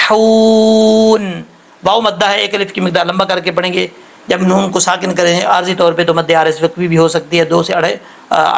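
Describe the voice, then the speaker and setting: A man teaching Quran recitation, patiently explaining pronunciation step by step and slowly modeling each sound. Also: high voice, creaky, a bit bright, low-quality recording.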